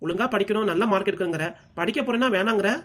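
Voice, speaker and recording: A woman voicing an eager schoolboy grandson in a cartoon, with a southern Tamil Nadu accent, explaining quickly and talking back. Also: mid-range voice, a bit bright, pitched below the performer's own voice, lightly acted.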